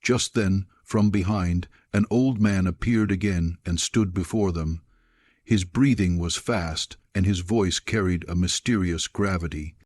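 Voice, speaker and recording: A man narrates a dramatic story in an even, measured delivery. His voice sits low, and the recording is dry and close with no room sound. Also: no room sound. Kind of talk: scripted narration.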